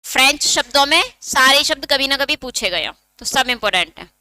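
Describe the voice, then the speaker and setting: Woman, teacher, exam-prep lesson, asks and answers her own questions, bright voice, dry sound. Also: sits high, animated, a little fast, no echo. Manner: explains step by step, asks students questions and answers them herself.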